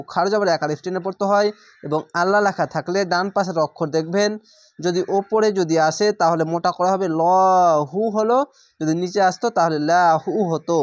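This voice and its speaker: Teacher, man, high voice, dry close sound; spells letters, then chants each word slowly. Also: dry recording. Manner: slow drawn-out chanted recitation between plain explanations. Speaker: Quran recitation teacher. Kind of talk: spelling out and reciting Arabic verses letter by letter.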